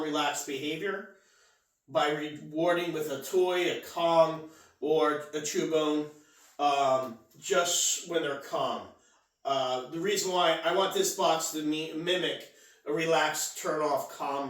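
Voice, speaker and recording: A man's voice: fairly high pitch, fairly bright tone. A man teaching puppy care in a casual, conversational way, often checking in with "all right?". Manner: repeats "all right?" as a check-in, restarts words. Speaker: dog trainer. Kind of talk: casual instructional talk. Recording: echoey room, mic off at a distance.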